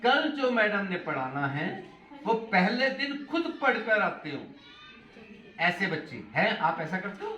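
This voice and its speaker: A high, bright-voiced middle-aged man talks to a room full of students, his pitch swinging widely as he quizzes them. He is heard from some distance in an echoey hall, with faint noise underneath. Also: unhurried. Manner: animated, asks the class questions, mixes in English phrases. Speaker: motivational speaker addressing students. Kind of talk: classroom talk to schoolchildren.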